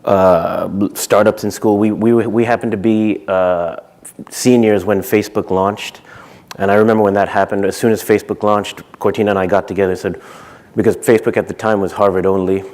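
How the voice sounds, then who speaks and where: A man in his thirties, from Zimbabwe, speaks at a conference with a fairly low voice. He talks casually, with halting restarts and plenty of fillers, through a stage microphone. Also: fairly even intonation, darkish tone. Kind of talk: conference talk.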